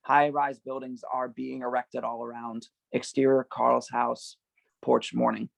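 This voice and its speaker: His creaky, gravelly voice sits at a middle pitch as he narrates screenplay directions during a table read. He reads a little slowly with flat delivery, and the recording is dry and close.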